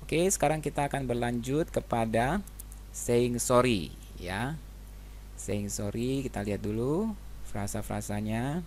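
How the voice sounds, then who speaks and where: A man teaching English phrases in a relaxed, conversational way, often ending sentences with a tag question. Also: mid-range voice, measured pace, slight background noise. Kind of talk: casual explanatory lesson.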